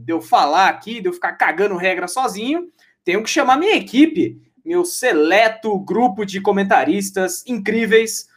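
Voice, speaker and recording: A man with a Brazilian Portuguese accent hosting a casual sports podcast, chatty and jokey, often restarting and drifting off topic. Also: high voice. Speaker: podcast host.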